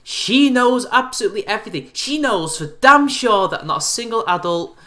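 In a small, bright indoor room, a YouTube commentator in his twenties rants sarcastically and with exasperation in a response video recorded on a webcam. His high-pitched voice is expressive and sharp, delivered at normal speed.

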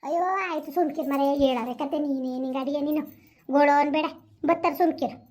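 A woman in a village comedy sketch who scolds and consoles in rapid bursts. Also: sits high, steady tone, darkish tone. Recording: dull lo-fi sound.

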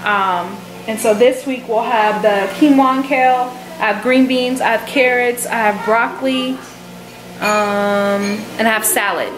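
A woman's voice: fairly high pitch, steady tone, measured pace, over music. A young woman in her twenties chatting through a cooking vlog in her home kitchen, explaining each step to a handheld camera. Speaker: vlogger. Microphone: handheld camera close up.

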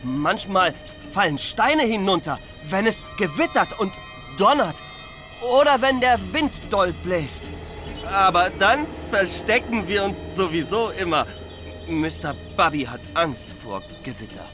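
Slow, high-voiced childlike man. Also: lively intonation, music in the background. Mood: timid, naive. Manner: slow, naive, hesitant childlike talk. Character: childlike, simple-minded man living in a ruin. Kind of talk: video game voice acting.

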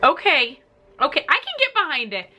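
A young woman giving a casual, emotional live reaction, excitable and prone to swearing and exclaiming. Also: sits high, moderate pace, slight background noise. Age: young adult. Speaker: reactor to TV episodes. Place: living room, in front of a playing television. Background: television show music.

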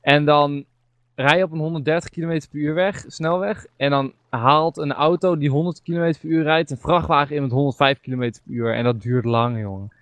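A young man talks casually over a game, rambling and laughing easily. His voice sits a little high. The sound is dry and close, with no room around it. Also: fairly even intonation, a little fast, a bit bright, no echo. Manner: chatty, rambling, laughs often. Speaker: gamer. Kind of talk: casual gaming chat.

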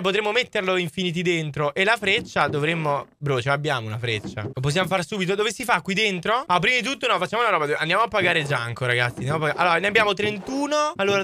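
A young man playing a video game with friends, commenting excitedly, swearing and making sound effects. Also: high voice, a little hiss or hum. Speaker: gaming streamer. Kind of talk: casual let's-play commentary.

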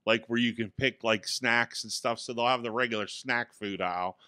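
A man in his forties co-hosts a laid-back tech podcast, chatting in an easygoing, self-deprecating way at a moderate pace. His voice is bright and crisp. He's recorded dry and close on a boom-arm studio mic in a small home studio with acoustic panels.

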